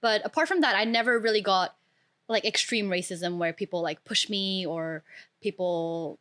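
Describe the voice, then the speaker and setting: A woman's voice: medium pitch, normal speed, fairly bright tone. A young woman from Portugal chatting casually and telling personal anecdotes as a podcast guest.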